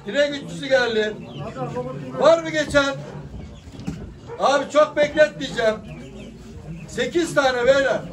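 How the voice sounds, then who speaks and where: In a small indoor auction room full of caged birds, a middle-aged male auctioneer with a very high voice calls out bids at a measured pace, pausing often and repeating prices insistently. The mic is distant, picking up crowd chatter and the sounds of chickens and pigeons.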